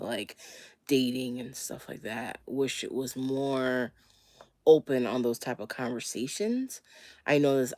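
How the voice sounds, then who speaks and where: A woman's voice: a bass voice, darkish tone, dry recording, studio quality. A slightly wheezy woman getting over a cold, chatting casually as she hosts a question-and-answer livestream in a laid-back manner. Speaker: livestream host.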